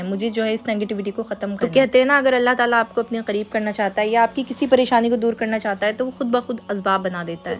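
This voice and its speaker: A woman hosting her own channel, telling a personal religious testimony in an earnest, confiding, unhurried way. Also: a little high. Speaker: channel host.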